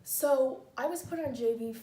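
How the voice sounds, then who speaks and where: A woman's voice: sits high, moderate pace, warm tone, distant mic. A young woman in a casual chat, telling a story together with a friend and chiming in emphatically. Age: young adult. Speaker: co-host. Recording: roomy, a little off-mic, faint noise.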